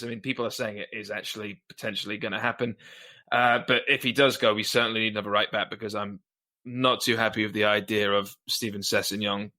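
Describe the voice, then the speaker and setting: Man, fan podcast panelist, bright tone, a bit low, hedges and rambles. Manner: hedging, restarts often, rambling opinions. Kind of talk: casual fan podcast chat.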